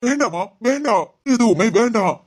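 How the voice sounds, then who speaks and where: A woman voicing a middle-aged father in an animated family drama, speaking earnestly and with hurt. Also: fairly high pitch, moderate pace. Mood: aggrieved. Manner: earnest, pleading.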